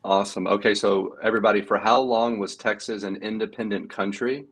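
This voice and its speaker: A man's voice: on the low side, steady tone, a little fast, breathy edge. Jokey man reading trivia. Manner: jokey, teasing. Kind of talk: casual chat, reading trivia questions.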